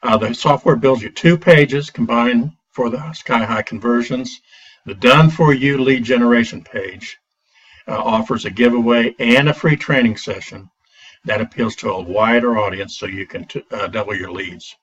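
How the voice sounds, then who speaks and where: A man's voice: mid-range voice, moderate pace, a bit bright, slightly rough. A man giving a casual product review, recorded through a built-in laptop computer mic, talking in a hesitant way with frequent "uh" fillers and restarts. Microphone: built-in computer microphone. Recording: dull lo-fi laptop mic, distant.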